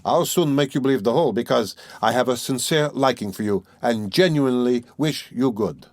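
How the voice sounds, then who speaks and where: A man's voice: medium pitch, moderate pace, dry recording, close to an everyday voice. A man voicing a sly, genial middle-aged examining lawyer who talks in a fussy, teasing way, in an audiobook reading. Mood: sly, chatty.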